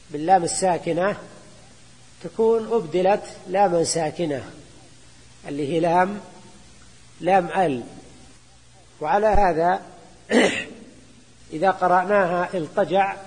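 An older man teaching grammar in a classroom lecture, explaining slowly and repeating terms, sometimes answering students. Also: high voice, darkish tone, breathy edge. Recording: echoey hall recording.

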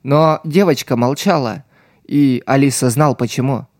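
A man narrating an audiobook in a measured, dramatic way. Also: mid-range voice, darkish tone, no echo, clean studio sound. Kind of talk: audiobook reading.

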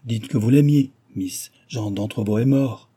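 A man's voice: mid-range voice, unhurried, dark tone, breathy edge. A man voicing a scheming villainous suitor who speaks with mocking courtesy and a threat behind it. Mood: gloating. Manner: mocking, oily courtesy, grinding his teeth.

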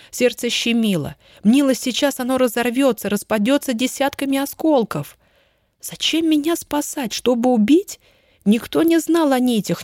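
A woman's voice: on the high side, darkish tone, no echo. Woman narrating a fantasy audiobook, dry.

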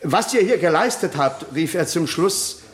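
A measured courtroom witness. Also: male voice, a little high, animated. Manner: measured, matter-of-fact. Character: calm male witness giving sworn testimony. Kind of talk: 1960s radio drama acting.

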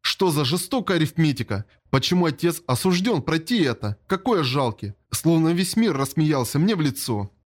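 A man's voice: fairly high pitch, sing-song, normal speed, hardly any pauses. A man narrating a fantasy story in the first person, with an intense, emotional reading. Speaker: audiobook narrator.

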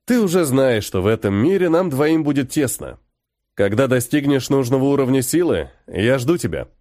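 A man voicing a mysterious young male stranger who speaks in a calm, knowing, unhurried way. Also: mid-range voice, dry recording, studio quality, lightly acted.

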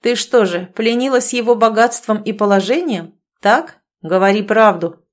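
A woman's voice: mid-range voice, animated, moderate pace, close to an everyday voice. A woman voicing a drunk, angry young male guard lieutenant with slurred, accusing speech, in an audiobook reading.

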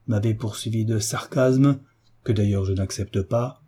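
A man's voice: fairly low pitch, unhurried, dark tone, husky. A man voicing a pompous, easily offended baron in an audiobook, orating with indignation. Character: pompous touchy aging baron, self-important politician. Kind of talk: audiobook character reading.

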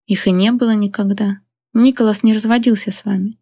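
A cold-blooded henchman read by a woman answers calmly and evenly, never hurrying. The pitch stays in the middle. The recording is dry and close. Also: dry recording, close to an everyday voice. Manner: calm, even, unhurried. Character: man, calm cold-blooded henchman on the phone.

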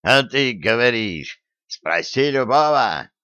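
A man voicing a stubborn old villager who shouts indignantly, in an audiobook reading. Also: medium pitch, expressive, takes it slowly, dry recording.

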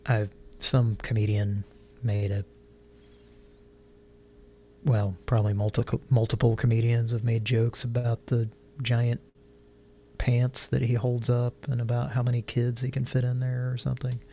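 This livestream host speaks at a medium pitch in a dark, monotone, somewhat slow delivery, with slight background noise. His live chat meanders through irreverent comedy, and he keeps interrupting his own sentences.

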